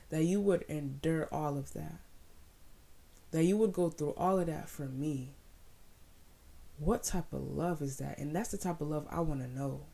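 Devotional speaker, casual Bible talk; slow, gravelly delivery, fervent and repetitive. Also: medium pitch, mellow. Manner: fervent, repeats phrases for emphasis.

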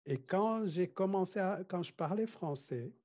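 A man from Rwanda, raised speaking Kinyarwanda, chats casually as an interview guest, hesitant, often restarting and laughing frequently. His voice is high and dark-toned, with lively intonation and an unhurried pace. The sound is dull and lo-fi.

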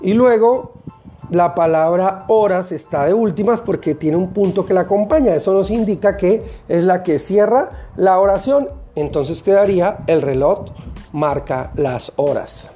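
A teacher gives a recorded lesson for children, speaking in a patient, deliberate way and spelling out each step. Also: medium pitch, mellow, faint music behind.

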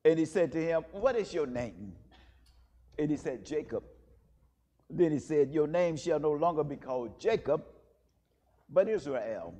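A man leading a church service, intoning prayers and reading scripture in a measured, solemn way, with a cathedral echo around his voice. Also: on the high side, very animated, mellow. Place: large church. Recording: long echoing church reverb.

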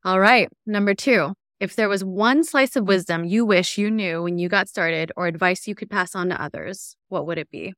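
A woman co-hosting a podcast interview, upbeat and quick to laugh. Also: medium pitch, fairly bright tone, dry recording, studio quality. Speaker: podcast co-host.

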